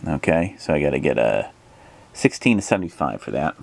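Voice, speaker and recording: A man's voice: very deep voice, very animated, brisk, creaky, noisy background. A man narrating a solo tabletop adventure, thinking aloud with plenty of hesitations as he rolls and decides. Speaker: solo tabletop game player.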